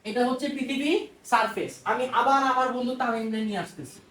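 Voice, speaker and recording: Speaking quickly with a slightly bright tone, this high-pitched woman teaches physics in a Bangladeshi Bengali accent, keeping the lecture loose and talkative. Her phrases come back again and again, and she poses questions only to answer them herself. The mic is distant, leaving her voice off-mic in an echoing room.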